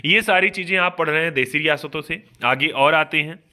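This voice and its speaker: A man giving a fast online exam revision lecture, asking questions aloud and answering them himself, often checking in with his students. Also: a little high, sharp tone. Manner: quizzes himself aloud, keeps asking "ठीक बात है ना". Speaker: exam coaching teacher.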